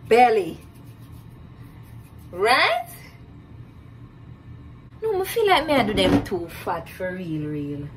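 A young Jamaican woman talks into a phone camera while she cooks in a home kitchen, with a lively voice that swings up and down. She drawls slowly and chats easily, repeating little phrases to herself. Kitchen noise stays clear behind her. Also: medium pitch. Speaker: cooking vlogger. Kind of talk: casual cook-along chat.

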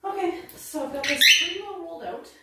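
A middle-aged woman rambles cheerfully about her day, thinking aloud as she works. Her voice reaches a phone set some distance away, so it rings around a hard, very echoey room. Steady household noise runs underneath. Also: very high voice, a little fast. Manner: chatty, thinks aloud while working. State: winded after a workout. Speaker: home vlogger. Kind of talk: casual running commentary. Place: home kitchen and dining room. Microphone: phone camera set across the room. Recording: roomy, distant phone audio with background noise.

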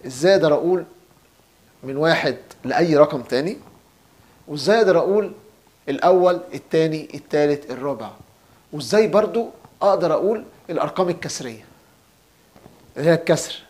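A young man with an Egyptian Arabic accent teaching Italian in a casual lesson, repeating each word slowly and clearly for learners. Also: fairly high pitch, darkish tone. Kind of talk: casual spoken language lesson.

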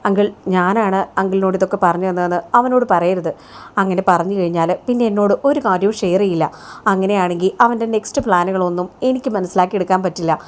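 A scheming young woman who speaks urgently and keeps things secret, voiced by a female storyteller. The pitch is middling for a woman. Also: fast, close to an everyday voice. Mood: conspiratorial. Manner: urgent, conspiratorial.

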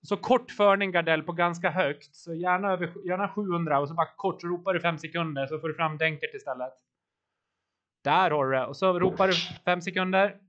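A man's voice: on the high side, fairly bright tone, lo-fi sound. Upbeat man coaching a race team. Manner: encouraging, calls out watts and turns. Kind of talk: live race coaching over voice chat.

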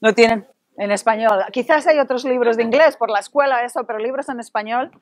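A woman from Spain with a Spanish accent, a university Spanish instructor leading an interactive workshop in a lively, playful way and drawing answers from the audience. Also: fairly high pitch, a little fast.

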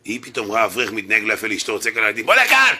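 A man, a rabbi, giving an animated Torah lecture in a synagogue, joking and acting out little quotes. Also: fairly low pitch.

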